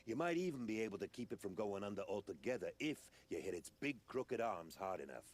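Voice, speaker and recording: A low, husky game character, a cynical battered mercenary. His delivery is wry and grim, rising and falling expressively with dry sarcasm. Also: very animated, brisk. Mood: sardonic, resigned. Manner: sardonic, dry. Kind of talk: video game dialogue acting.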